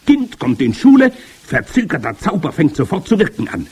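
A man voicing a commanding, evil old witch queen in a storybook reading, with shrill, gloating, theatrical speech. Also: huge pitch swings, moderate pace, a little mellow, breathy edge, full character voice. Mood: triumphant. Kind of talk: audiobook character voice.

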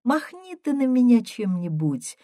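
A woman doing a sharp, weary mother. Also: fairly high pitch, big pitch swings, unhurried, dry recording, voice pushed up. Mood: exasperated. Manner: dry reproach. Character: sharp, tired middle-aged mother.

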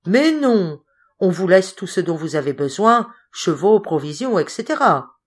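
A woman voicing a brisk, dismissive male expedition leader in an audiobook. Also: sits high, very animated, exaggerated voice. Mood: reassuring. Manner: brisk and reassuring.

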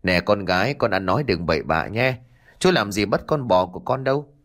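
A man's voice: lowish voice, lively intonation, brisk, a bit bright. A man voicing a brusque middle-aged village man who talks down to a child. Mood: dismissive. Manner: brusque, condescending.

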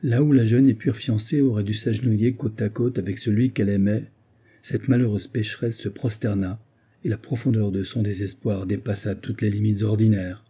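A man narrating a classic novel in a measured literary reading. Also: on the low side, fairly even intonation, mellow, breathy edge. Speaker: audiobook narrator. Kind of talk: scripted narration.

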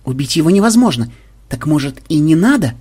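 A practical young woman, as a male reader puts her on lays out a plan in a brisk, matter-of-fact tone. The voice sits high and a bit husky. She sounds sure of herself and in a hurry. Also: sing-song, a little mellow, heavily acted. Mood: plotting. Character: quick-thinking young woman teammate, practical planner.

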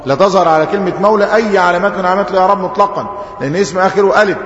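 In an echoey hall with dull lo-fi audio, this Egyptian-accented sheikh teaches Arabic grammar in rapid-fire fashion, his voice sitting high with a fairly bright tone. He poses questions to his students and supplies the answers himself.

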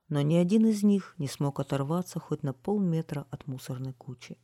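A woman reading a children's story aloud in calm, even narration. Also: low-pitched, no room sound, studio quality. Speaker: audiobook reader.

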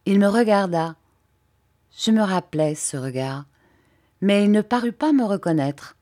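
A woman's voice: medium pitch, lively intonation, measured pace, mellow. Woman reading a novel aloud. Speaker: audiobook reader. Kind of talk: scripted narration.

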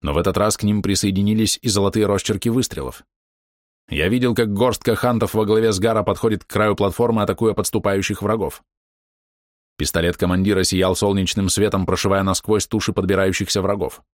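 Low-voiced guy reading an audiobook, steady and dry, close mic. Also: brisk, no echo. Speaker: audiobook narrator. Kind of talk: first-person fantasy audiobook narration.

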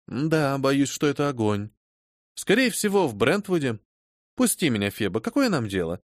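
A man's voice: mid-range voice, very animated, moderate pace, no room sound, studio quality, lightly acted. A man voicing a cold, scornful noblewoman who gives harsh commands in an audiobook reading. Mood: curt.

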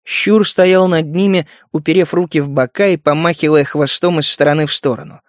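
A man narrates a story in a measured, steady reading voice that sits a little higher than most men's. The sound is close and completely dry, as from a studio mic, with no room echo at all. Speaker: audiobook narrator. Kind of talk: scripted narration.

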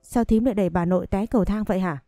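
A woman's voice: mid-range voice, racing, dark tone, no room sound, clean studio sound, lightly acted. A woman voicing a spiteful, scheming young woman who mocks and accuses, in a storybook reading over faint music. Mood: accusing.

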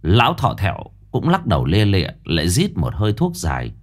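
Lively male ghost-story narrator. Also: sits low, a little fast.

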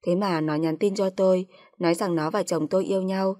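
A woman narrating a first-person story with a steady, even-paced reading. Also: on the low side, a little fast.

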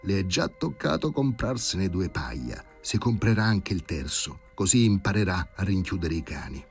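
A man voicing a resentful male stray dog, muttering his sulky thoughts in a low voice. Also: big pitch swings, normal speed, faint music behind.

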